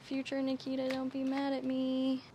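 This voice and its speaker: A woman's voice: high-pitched, completely flat delivery, moderate pace, background noise. Chatty, self-mocking young woman vlogger. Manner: chatty, self-deprecating, swears casually, laughs often. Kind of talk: casual vlog, rambling. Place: camper trailer and outdoor land.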